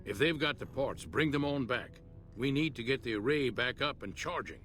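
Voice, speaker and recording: An actor playing a gruff, grumpy old mechanic in a video game, folksy and sarcastic. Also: male voice, mid-range voice, normal speed, fairly bright tone, soft background music. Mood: irritated. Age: older. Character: gruff old man, grumbling settlement mechanic. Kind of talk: video game character dialogue.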